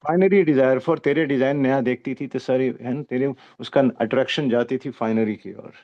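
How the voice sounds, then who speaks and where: An older man, a senior teacher, giving fatherly, patient feedback to a younger colleague, checking often that she follows. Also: mid-range voice. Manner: fatherly, calls the presenter "beta", explains slowly with rhetorical checks. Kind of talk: mixed Hindi-English teaching talk. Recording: muffled video-call audio.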